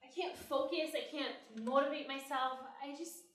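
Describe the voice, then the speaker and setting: A woman's voice: high voice, fairly even intonation, normal speed, recorded from a distance, close to an everyday voice. A woman playing an earnest, restless college-age daughter in an audio drama. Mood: earnest, hesitant. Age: young adult. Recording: very echoey room.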